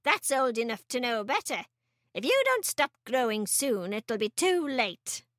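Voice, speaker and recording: A woman's voice: on the high side, sing-song, measured pace, a bit bright, no room sound. Woman voicing a scolding tiny old granny, snappish, dry close sound, storybook. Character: bossy tiny old grandmother, sharp-tongued.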